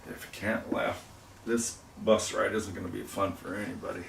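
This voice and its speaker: A man's voice: fairly low pitch, steady tone, moderate pace, vocal fry, a bit bright. A middle-aged man chatting while he works in his pottery studio, rambling and making self-deprecating jokes. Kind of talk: casual livestream chat while working. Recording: echoey room, distant mic, noisy.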